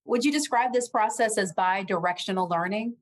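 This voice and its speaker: A woman hosting a professional podcast, asking measured, friendly questions of her guests. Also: medium pitch. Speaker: podcast host. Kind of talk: podcast interview.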